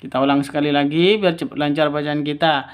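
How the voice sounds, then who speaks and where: A man teaching beginners to read the Quran, chanting verses slowly and then explaining each rule, correcting himself and repeating examples. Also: a little high, fairly even intonation, clean tone. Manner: alternates slow drawn-out chanted recitation with brisk explanations. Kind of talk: step-by-step recitation lesson for beginners.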